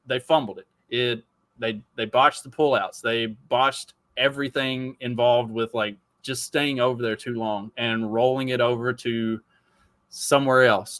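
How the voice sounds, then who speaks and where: A man's voice: mid-range voice, pushed and bright, dry recording. A man of forty talking in a casual podcast chat, profane and rambling, with many restarts. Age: 40s.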